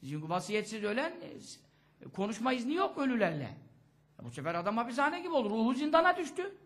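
A man's voice: very high-pitched, quick pace. A male preacher giving a sermon talk, telling stories with rhetorical questions. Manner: expressive storytelling, rhetorical questions.

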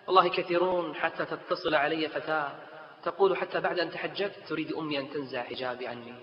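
A man's voice: a little high, slight background noise. A man preaching a sermon, telling a story with passion and drama and acting out the voices of the people in it. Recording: lo-fi echoey hall recording.

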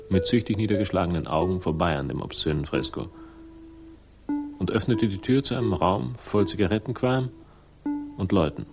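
An actor with a low-pitched male voice plays a wry, world-weary private investigator, narrating a crime radio drama in a deadpan, sardonic style.

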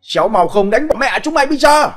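A bullying old village landlord barks orders and curses in a raised, strained voice, as a male narrator puts him on. His pitch climbs high as he yells. Faint music plays under the storybook telling. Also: big pitch swings, normal speed. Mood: furious. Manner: shouting, cursing.

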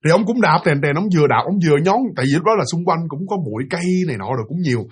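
A man with a Southern Vietnamese accent, casually retelling a ghost story in an animated way, full of fillers and repeated words. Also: on the high side, very fast, slightly rough.

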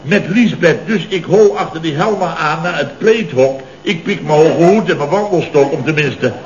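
Close to his everyday voice, this male actor is expressive and keeps a moderate pace as a blustering, higher-voiced contractor boss with a Netherlands Dutch accent. The put-upon character recounts mishaps in long-winded, indignant stories with exasperated emphasis. It's 1970s radio comedy acting in a dull old radio recording.

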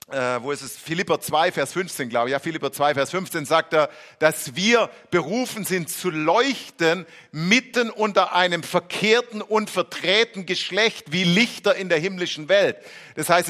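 A man preaches with a German accent, his voice high and ringing. He drives his points home with rhetorical questions and short dramatized quotes. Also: pushed and bright. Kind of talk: sermon.

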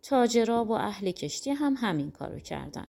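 A woman audiobook reader narrating a folk tale in an expressive, conversational storytelling manner. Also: mid-range voice, creaky.

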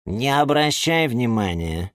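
A man voicing a calm but vain male cactus who takes offence about his looks in a storybook. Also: mid-range voice, takes it slowly, no room sound, clean studio sound. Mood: indignant.

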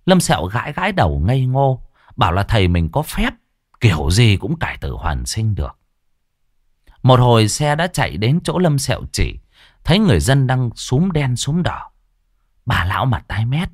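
A male storyteller reads in a lively, animated way, his pitch rising and falling a great deal. His voice sounds dry and close to the mic, with no room echo. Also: normal speed. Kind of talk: scripted horror story narration.

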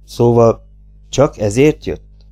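A man's voice: medium pitch, faint music behind, natural voice. Man doing a blustering, furious sheriff. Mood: irritated, suspicious. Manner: blustering, loud and exasperated. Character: angry, humiliated middle-aged male town sheriff.

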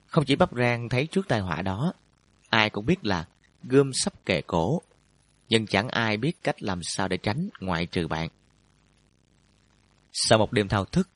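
A man narrating a storybook in a steady, even way. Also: on the low side, no room sound. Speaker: audiobook narrator.

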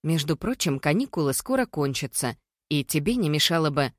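A woman's voice: low-pitched, big pitch swings, a little fast, dry recording, studio quality. A reader voicing a probing middle-aged mother. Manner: polite but probing questions.

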